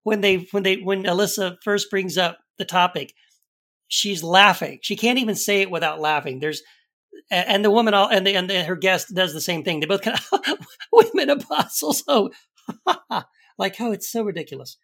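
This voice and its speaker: A man co-hosting a podcast, giving an emphatic, animated rebuttal to a video clip. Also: high-pitched, a little fast. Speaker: podcast co-host.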